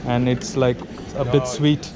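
A man's voice: mid-range voice, little pitch movement, a little slow. An Indian man vlogging at an outdoor street food market, asking curious questions and laughing often. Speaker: vlogger host. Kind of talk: casual chat with vendors. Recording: busy outdoor market crowd noise.

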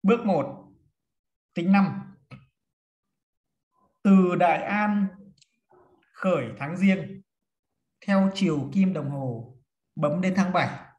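Slow-paced teacher with a high voice. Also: male voice, a little mellow, muffled recording. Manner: slow, step-by-step counting and instructing. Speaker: feng shui teacher. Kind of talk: classroom lesson. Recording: echoey room.

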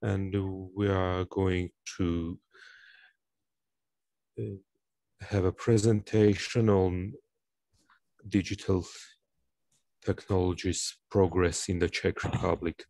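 A man moderating a webinar on a video call, introducing the next speaker in a slow, measured way. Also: sits low, fairly even intonation, creaky, warm tone, dry recording. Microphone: webcam on a video call.

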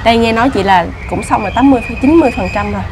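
A woman's voice: fairly high pitch, crowd noise. A woman hosting a casual travel vlog outdoors, asking questions and reading signs aloud. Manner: chatty, asks questions, reads signs aloud slowly. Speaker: vlog host. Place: outdoors at a heritage site.

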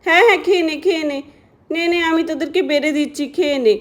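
A woman doing a brisk scolding mother. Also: sits high, natural voice. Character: scolding but caring mother. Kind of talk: doll-play storytelling.

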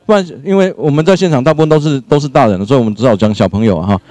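A man giving an animated spiritual lecture, acting out scenes and laughing often. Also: medium pitch, very fast. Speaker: lecturer, doctor. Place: lecture room.

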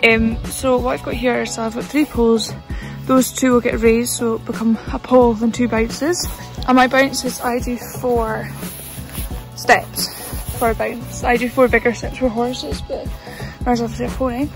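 A young woman with a slightly high voice talks chattily to her camera at a stable and riding arena, often apologizing as she goes. The camera sometimes sits a way off from her. Clear music plays under her voice throughout. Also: flat delivery, normal speed, poor audio. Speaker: horse-riding vlogger. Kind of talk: casual vlog chat. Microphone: camera on a tripod, sometimes far off. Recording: clear background music over the voice.

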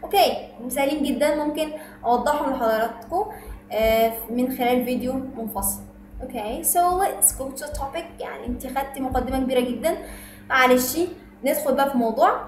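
A woman teacher with an Egyptian accent, explaining a lesson with quick asides and slow, careful explanations. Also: sits high. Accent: Egyptian Arabic. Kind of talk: online lesson, Arabic mixed with English. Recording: roomy echo, faint ambient noise.

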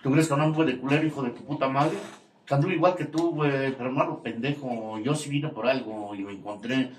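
Here an older man with a Mexican Spanish accent talks fairly quickly in a mid-range voice to a recovery group. He's confrontational and mocking, cursing nonstop and laughing at his own jabs in crude, profane testimony. Faint noise and echo fill the room, and the mic sits far off.

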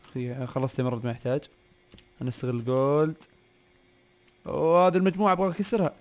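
A young man, hosting a gaming video and commenting on the gameplay, often repeating short words in quick bursts. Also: medium pitch, little pitch movement. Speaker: gaming channel host.

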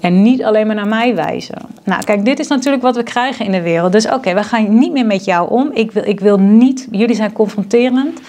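A woman's voice: medium pitch, brisk, mellow. A woman speaking as a spiritual coach in a casual monologue, earnest, acting out the voices of people she quotes. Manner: earnest, acts out quoted dialogue. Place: home on a mountain.

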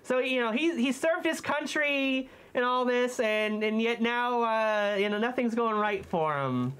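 A woman's voice: a little high, animated, a bit bright, clear, resonant tone. Woman talking through a costume head. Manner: hesitant, often pausing to search for words. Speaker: movie review co-host. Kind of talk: casual movie review chat.

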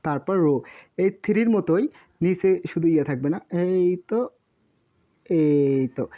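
A woman's voice: fairly low pitch, dark tone. A woman teaching a beginner language class, patiently walking through each written character and reciting the syllables one by one. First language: Bengali. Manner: patient, repeats syllables slowly. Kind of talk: step-by-step lesson, drawing and reciting. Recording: dull lo-fi sound.

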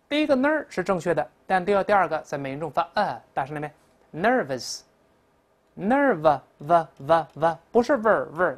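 In a classroom lecture, a woman with a low-pitched voice teaches English, explaining the answers and leading pronunciation drills where students repeat after her.

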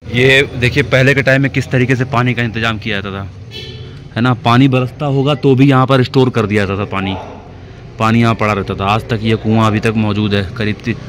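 A man's voice: medium pitch, steady tone, fairly quick, a bit bright, a little hiss or hum. A young man talking casually as a travel vlogger, chatty and enthusiastic as he tours a hill fort outdoors and asks a local questions. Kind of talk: casual on-camera tour commentary.

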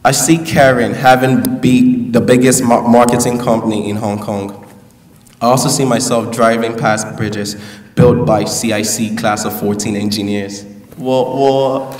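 Heard through a distant podium mic in an echoey school hall, a young valedictorian delivers his graduation speech and plays to the crowd with humorous asides. His voice is medium in pitch and somewhat dark.

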